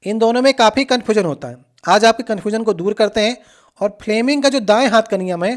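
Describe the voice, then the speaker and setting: This coaching teacher has a mid-range voice and patiently reviews past exam questions with the class. Speaking directly to the students, the teacher keeps checking in with them.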